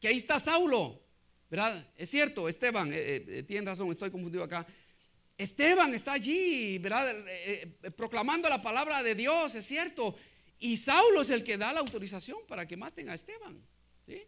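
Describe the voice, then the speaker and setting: A man's voice: very high voice, very animated, moderate pace, bright, forceful tone. A man preaching a sermon as pastor, often checking in with the congregation and restarting his sentences.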